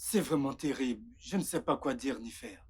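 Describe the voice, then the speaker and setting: A man dubbing a supportive friend in a film, talking in a calm, advising way. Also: mid-range voice, moderate pace, breathy edge. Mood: concerned. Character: supportive male friend giving advice. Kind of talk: dubbed film acting.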